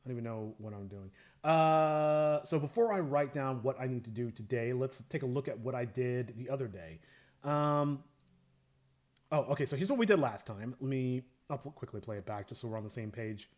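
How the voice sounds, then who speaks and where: A man's voice: mid-range voice, moderate pace, darkish tone. Male streamer, casual rambling host, mid-range voice, jokey asides. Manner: rambling, joking, lots of fillers. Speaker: animator streamer. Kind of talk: casual livestream chat.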